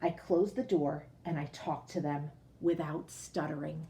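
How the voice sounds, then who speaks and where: Reading a picture book to young children, a woman teacher keeps her explanations simple, frequently checks in with "okay?", and goes over points again. Her low, warm voice stays steady at a measured pace.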